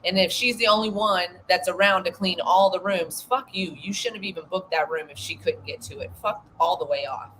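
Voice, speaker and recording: A woman's voice: fairly low pitch, brisk, few pauses, fairly bright tone, a little hiss or hum, low-quality recording. Indignant, foul-mouthed woman in her forties. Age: 40s. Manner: profane, indignant storytelling. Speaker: podcast co-host. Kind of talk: casual chat.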